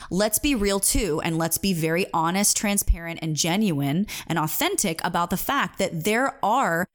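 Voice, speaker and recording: A woman in her thirties, a singing coach, giving an earnest, emphatic motivational talk with personal stories. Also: on the low side.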